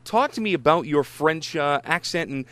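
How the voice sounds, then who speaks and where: A man's voice: on the high side, lively intonation, normal speed, fairly bright tone, no room sound. A man interviewing ballplayers, asking joking, teasing questions in a casual chat.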